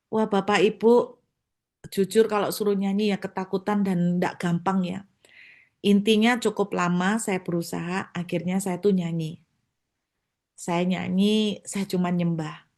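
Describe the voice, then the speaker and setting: Brief: woman pastor, mid pitch, animated storyteller in the pulpit. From Surabaya, Indonesia. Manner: animated, acts out voices. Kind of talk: storytelling sermon.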